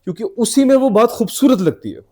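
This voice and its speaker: A man co-hosting a casual podcast chat with an old friend, an animated storyteller. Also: very high-pitched, brisk. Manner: animated storyteller, chuckles often. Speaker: podcast co-host.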